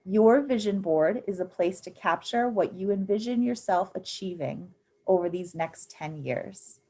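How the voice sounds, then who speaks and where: On a video call, through a computer mic, a financial literacy presenter in her thirties hosts an online finance workshop for young people. She talks unhurriedly in a warm, medium-pitched voice, staying upbeat and encouraging while often filling pauses with um.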